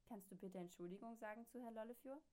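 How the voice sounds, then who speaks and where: Storybook figure: relaxed father, brisk, slightly raised voice, voiced by a woman. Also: on the high side, close to an everyday voice. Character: patient, easy-going father.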